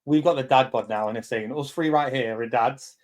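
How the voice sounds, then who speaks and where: This man from England, in his thirties, has a mid-range voice and talks fairly quickly. As a company head hosting a live community chat, he rambles bluntly, swearing often and leaning on fillers in a casual way.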